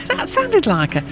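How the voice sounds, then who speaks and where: A woman co-hosting an allotment podcast, teasing and down-to-earth in casual chat. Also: on the low side. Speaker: podcast co-host.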